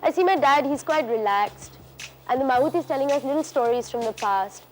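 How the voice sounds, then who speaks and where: High-voiced young woman travel presenter. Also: animated, brisk. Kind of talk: casual spoken travel commentary. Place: outdoors, riding an elephant.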